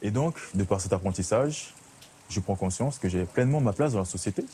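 A man's voice: on the low side, lively intonation, dark tone, slight background noise. A man in his thirties from French Guiana, a theology student speaking earnestly in a documentary interview. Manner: earnest, measured. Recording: roomy echo.

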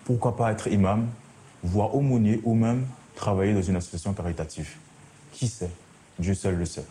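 An earnest, measured man in his thirties from French Guiana speaks with a low, mellow voice. The sound carries a noticeable room echo. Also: steady tone, slight background noise. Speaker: theology student. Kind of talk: documentary interview. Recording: roomy echo.

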